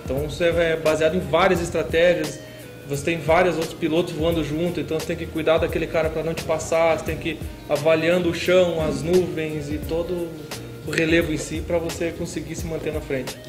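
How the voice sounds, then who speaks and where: Young Brazilian man, high voice, echoey room. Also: fairly quick, over music. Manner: relaxed, explains with many "né" tags. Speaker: paragliding competitor. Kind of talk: interview answers. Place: indoor shop room with shelves.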